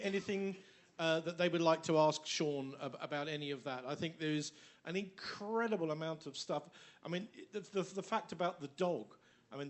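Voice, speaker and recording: A man with an English accent moderating a conference session, chatty and effusive with many restarts. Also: a little high. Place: conference hall.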